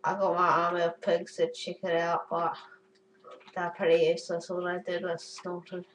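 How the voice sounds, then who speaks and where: A woman's voice: lowish voice, monotone, moderate pace, recorded from a distance, a little hiss or hum, rough recording. A woman giving chatty, goofy commentary while playing a game, cursing and giggling at her own jokes. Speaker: gamer. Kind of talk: casual gameplay commentary.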